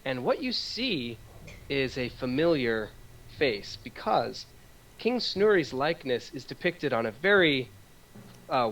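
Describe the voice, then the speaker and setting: A man acting as game master, improvising narration for a tabletop game in a halting, descriptive, amused way. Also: medium pitch, a bit bright, poor audio. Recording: faint background noise.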